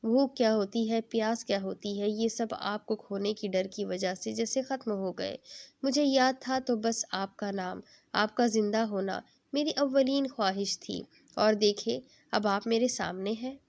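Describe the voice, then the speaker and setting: A woman's voice: mid-range voice, gravelly, darkish tone, lightly acted. A woman reading a sweet, teary young bride who pleads affectionately. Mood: pleading.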